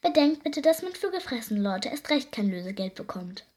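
A woman reading a storybook voices a bossy, cunning young woman who orders her captors around in a bright, insistent way. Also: on the high side, very animated, moderate pace.

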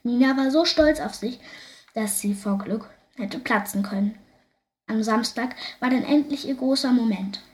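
A woman reading a children's story aloud with lively expression. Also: fairly high pitch, normal speed.

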